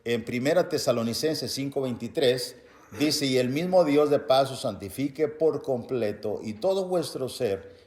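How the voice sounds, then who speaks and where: This Bible-teaching preacher has a medium-pitched voice, lively intonation and a measured pace. He reads verses to his "brothers," explains them quietly, then erupts into loud emphatic bursts, all in an echoey room.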